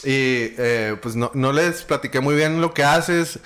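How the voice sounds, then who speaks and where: A man's voice: medium pitch, unhurried, fairly bright tone. A man hosting a casual podcast over beers, joking and slangy, with lots of fillers and restarts. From Chihuahua, Mexico. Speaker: podcast host.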